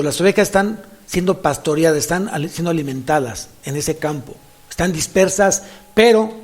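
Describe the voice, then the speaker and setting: A man with a Mexican Spanish accent preaching as a pastor in a church, animated, repeating phrases for emphasis. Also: high voice. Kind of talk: sermon.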